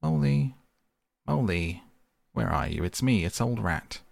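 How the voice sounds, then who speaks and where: Man playing a water rat, good-natured, reassuring, gravelly, low voice. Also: normal speed, dry recording, studio quality, full character voice. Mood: cheerful calling. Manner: calm, reassuring and hearty.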